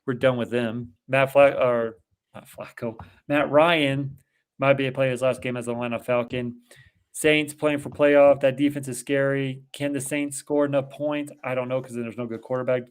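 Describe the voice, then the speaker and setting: A man with a Boston accent, mid-range voice, fairly even intonation, and clean tone co-hosts a casual football picks show at a moderate pace, reeling off confident predictions in relaxed sports betting chat.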